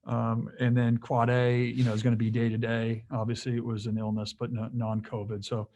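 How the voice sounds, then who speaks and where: A man's voice: medium pitch, completely flat delivery, normal speed, darkish tone. A male head basketball coach answering questions at a postgame press conference, rambling with lots of fillers and restarts, joking now and then.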